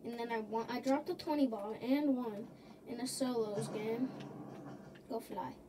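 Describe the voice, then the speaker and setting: A woman with a high voice talks through a video game as she plays, rambling and silly. Her jokes come one after another. A noisy background sits under her voice. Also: steady tone, measured pace. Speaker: gaming video creator. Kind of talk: gameplay commentary.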